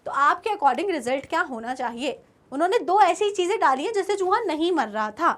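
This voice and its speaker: A woman's voice: extremely high pitch, sharp tone. A young woman teacher giving an online class lecture. She keeps asking her students questions and then answers them herself.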